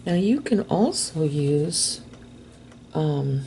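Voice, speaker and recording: A woman hosting a craft tutorial, explaining each step gently and unhurriedly, sometimes dropping to a soft whisper as she works. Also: sits low, expressive, very slow, a little hiss or hum.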